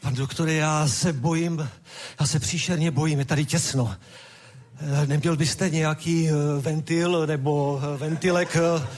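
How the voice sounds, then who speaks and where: Guy doing a nervous claustrophobic patient, stammers, lots of eh, kinda high voice. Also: steady tone, lightly acted. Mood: fearful. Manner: stammering, hesitant, fills pauses with "eh". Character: anxious claustrophobic man patient, pleading for space. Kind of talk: improvised comedy sketch.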